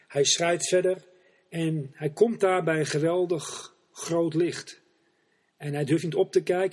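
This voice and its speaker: Male preacher, sermon storytelling, earnest, deliberate, husky voice. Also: on the high side.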